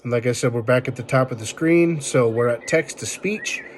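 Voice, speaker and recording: A man's voice: mid-range voice, moderate pace, slight background noise. A man hosting a casual tech tutorial, explaining things informally step by step. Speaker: video tutorial host.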